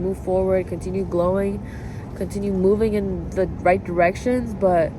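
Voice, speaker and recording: In a noisy setting, a woman vlogger with a medium-pitched voice chats casually and confessionally to the camera. She rambles and turns inward, repeating herself and saying "like" again and again.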